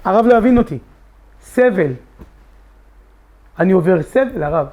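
A man's voice: high-pitched, lively intonation, a little mellow, muffled recording. A middle-aged man telling a personal testimony with passion, acting out his own pleading in dialogue. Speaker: storyteller sharing a personal testimony. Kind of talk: emotional first-person storytelling.

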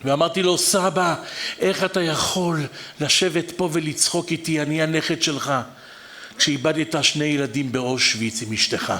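A man from Israel preaching through a personal story, impassioned and building toward near-shouts. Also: a little high, steady tone. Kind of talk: emotional storytelling sermon.

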